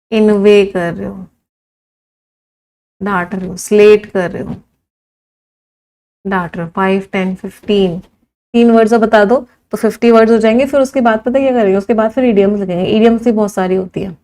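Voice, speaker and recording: A young Indian woman teaching English vocabulary in an online class. She reels off lists of synonyms and slows down to dictate idioms. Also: medium pitch, a little mellow. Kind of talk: live online vocabulary lesson.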